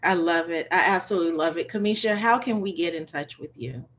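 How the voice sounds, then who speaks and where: A woman's voice: lowish voice, fast, a bit bright, muffled recording. A woman hosting a podcast interview, talking in an enthusiastic, emphatic way and repeating her phrases for stress. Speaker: podcast host and coach. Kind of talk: casual interview chat.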